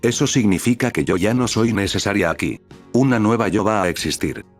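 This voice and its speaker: A man voicing a calm, gentle young girl from the future in a storybook reading, tender and quiet. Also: fairly low pitch, a little fast, faint music behind, natural voice.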